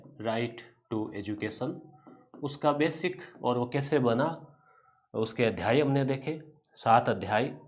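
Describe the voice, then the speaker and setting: A male coaching teacher, speaking at an ordinary middle pitch. He talks chatty and informal, and often repeats short rhyming memory tricks to drive a point home. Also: darkish tone. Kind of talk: exam coaching lecture.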